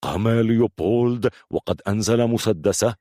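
A man narrating a thriller audiobook with a husky voice and dramatic delivery. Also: fairly low pitch, normal speed, mellow, dry recording, studio quality. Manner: dramatic, varied storytelling delivery.

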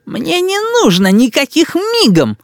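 A man voicing a spoiled, bossy little boy who whines and demands in a shrill, drawn-out voice. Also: wildly swooping pitch, gravelly, no echo, studio quality, exaggerated voice. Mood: indignant.

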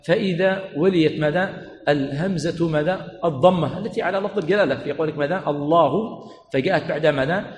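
Male sheikh giving a classroom lesson, pitched a little high, drawing out words and quizzing the room, recorded in a reverberant hall with faint background noise. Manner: prompts students with repeated questions, stretches words slowly. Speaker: sheikh teaching a religious lesson. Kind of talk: classroom lecture. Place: teaching center hall.

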